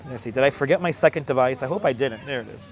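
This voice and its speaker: On an outdoor phone livestream from a beach boardwalk, a hoarse host with a crackly, squeaky voice races through viewer names, welcoming them repeatedly in casual chat. Crowd noise, faint traffic, and city street sounds surround him, caught by a wireless clip-on mic.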